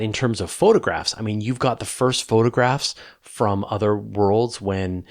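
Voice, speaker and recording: With a lowish voice, a man hosts a question-and-answer show. He explains things conversationally, in a casual, enthusiastic and emphatic way.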